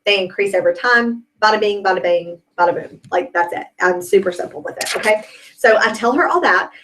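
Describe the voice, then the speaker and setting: Fast-talking upbeat woman sales trainer. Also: mid-range voice, a bit bright, poor audio. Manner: chatty, upbeat, peppered with "okay?" and "like".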